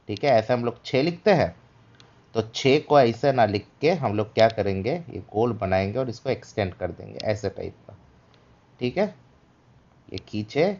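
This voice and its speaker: Over dull, lo-fi stream audio, a man with a low-leaning, slightly mellow voice teaches the Greek alphabet, mixing English phrases into his Hindi. He is patient and keeps asking "ठीक है" to make sure listeners follow.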